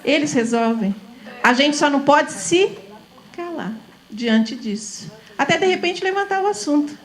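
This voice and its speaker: A middle-aged woman from São Paulo talks to a room of teachers in a high, lively voice. She lectures informally and chattily, laughs easily, and keeps tossing the audience little questions for agreement. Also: unhurried. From São Paulo, Brazil.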